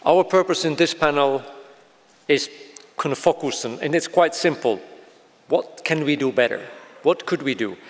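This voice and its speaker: A man moderating a panel on stage, hesitant and filling pauses with "uh". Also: on the high side. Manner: hesitant, many fillers. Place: large concert hall stage, live event. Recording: long reverb of a large hall.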